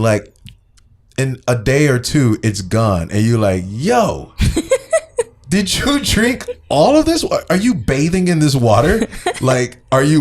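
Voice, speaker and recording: A man's voice: mid-range voice, darkish tone. A man co-hosting a casual podcast chat, playful and slangy, often laughing as he tells stories. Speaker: podcast co-host.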